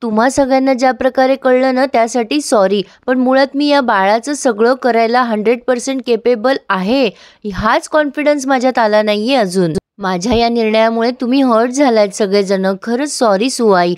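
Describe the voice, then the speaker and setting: A woman's voice: fairly high pitch, moderate pace, darkish tone, smooth, no room sound, lightly acted. A woman voicing an anxious young pregnant woman who talks in a hesitant, apologetic way.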